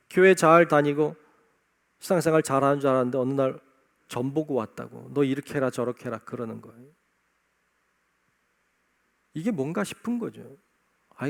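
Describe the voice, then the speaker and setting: A man's voice: on the high side, creaky. A man preaching a sermon as pastor, emphatic and driving his points home by repeating key phrases. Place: church sanctuary.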